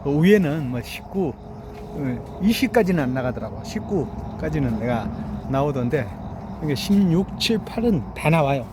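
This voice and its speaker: Strolling through his vineyard outdoors, a proud middle-aged grape farmer keeps telling viewers "look here" and asking "eh?" while he boasts about his crop in a relaxed vlog walkthrough. He speaks unhurriedly and expressively in a slightly high voice, against a noisy background.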